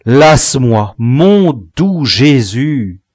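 A man's voice: mid-range voice, big pitch swings, extremely slow, dry recording, clean studio sound, heavily acted. A man voicing an exasperated rural mother who scolds and laments about her son. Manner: complaining, exasperated.

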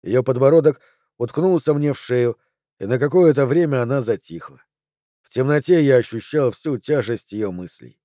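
A man reading an audiobook in calm first-person narration. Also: medium pitch, normal speed, no room sound, clean studio sound. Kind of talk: scripted narration.

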